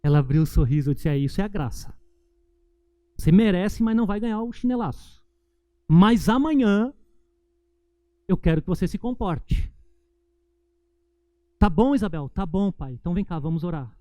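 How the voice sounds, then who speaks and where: A man with a Brazilian Portuguese accent, a pastor preaching a sermon and slowing down for emphatic points. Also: sits high, lively intonation, warm tone, no echo. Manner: preaching with emphatic, slowed climaxes.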